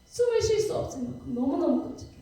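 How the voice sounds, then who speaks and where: A woman's voice: sits high, big pitch swings, quick pace, warm tone, recorded from a distance. A woman missionary giving a sermon testimony, telling her story vividly and dramatically in a church. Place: church sanctuary. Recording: echoey church hall from afar.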